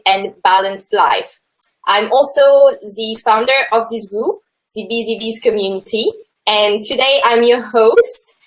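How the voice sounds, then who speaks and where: A woman's voice: a little high, a bit bright, low-quality recording. A woman hosting a live interview, friendly and giggly. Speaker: host, life coach.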